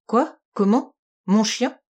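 A woman's voice: on the high side, slow, a little mellow, muffled recording. A woman reading aloud and voicing a despairing male murder suspect in his thirties who bursts into rage. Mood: sullen.

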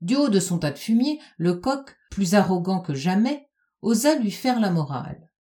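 A woman narrating a children's storybook in a calm, even reading voice. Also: mid-range voice, moderate pace.

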